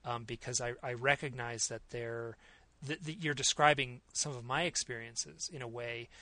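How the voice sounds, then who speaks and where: A man's voice: medium pitch, steady tone, moderate pace, pushed and bright, no room sound. A man hosting an interview, responding in a reflective, enthusiastic way. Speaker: interview host. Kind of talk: conversational interview.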